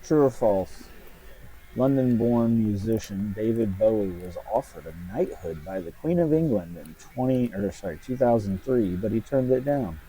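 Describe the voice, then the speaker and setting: A man with a very dark, mellow tone and a husky edge, reading trivia questions to friends. He sounds easygoing, his voice sitting a bit low. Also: lively intonation, moderate pace, poor audio. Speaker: podcast co-host. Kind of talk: casual trivia chat.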